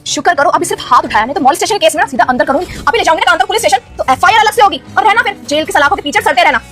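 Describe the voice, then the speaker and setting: A woman playing a wealthy wife who scolds her husband forcefully in an acted family drama. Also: very high-pitched, animated, racing, faint music behind. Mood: furious. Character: wealthy wife confronting cheating husband, fierce.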